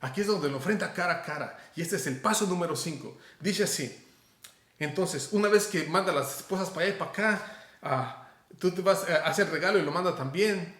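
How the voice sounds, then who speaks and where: A middle-aged man with a Mexican Spanish accent preaching a sermon, conversational and animated, talking straight to the listener. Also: fairly high pitch, brisk. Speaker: pastor. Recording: roomy echo.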